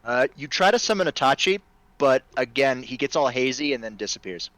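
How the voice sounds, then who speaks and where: A man's voice: medium pitch, expressive, fairly quick, fairly bright tone, no echo, low-quality recording. A man casually narrating a tabletop role-playing game as its game master.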